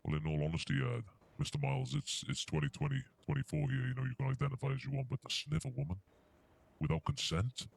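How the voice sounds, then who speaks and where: A man interviewed anonymously in a mock news segment, his voice disguised to sound deep and gravelly, speaking with over-the-top indignant outrage. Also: big pitch swings, fast talker.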